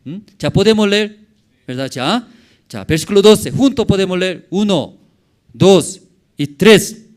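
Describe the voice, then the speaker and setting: A man preaching a sermon as pastor, with halting phrasing and many questions to the congregation, swinging from loud exclamations to quiet murmurs. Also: sits high, animated. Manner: asks the congregation frequent rhetorical questions.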